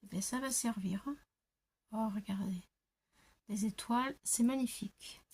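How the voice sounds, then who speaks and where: An older woman at home doing a crafting unboxing, gushing over each item and often dropping to soft whispers. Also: fairly high pitch, measured pace, breathy edge. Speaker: crafting vlogger. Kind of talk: unboxing show-and-tell. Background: paper crinkling and handling clicks.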